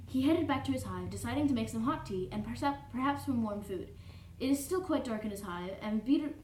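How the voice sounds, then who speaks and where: A woman's voice: on the high side, a little mellow, natural voice. Woman playing Kankri, a prim fussy troll. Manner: pedantic, formal, constantly correcting and apologizing. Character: prim, fussy, easily offended young male troll. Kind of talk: cosplay character reading fanfiction aloud. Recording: roomy echo, distant mic, faint noise.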